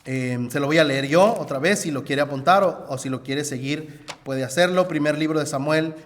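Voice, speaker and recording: A male preacher retells a story in a sermon and keeps turning to speak directly to his listeners. His voice sits a little high for a man. It rings out with a long reverb, as if recorded in a church hall. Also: moderate pace.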